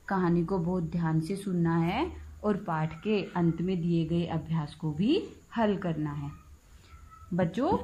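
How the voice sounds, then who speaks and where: A woman primary school teacher with a Haryanvi Hindi accent, telling a story to young children in slow, gentle, clearly spaced phrases. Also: on the low side, rough recording.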